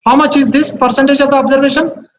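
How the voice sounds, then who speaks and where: Male lecturer, Telugu accent, very high pitch, question-led teaching style, faint noise in a dull recording. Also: little pitch movement, fast. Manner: repeats himself, checks understanding with short questions. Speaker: statistics teacher. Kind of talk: interactive lecture. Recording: muffled, echoey, noisy room recording.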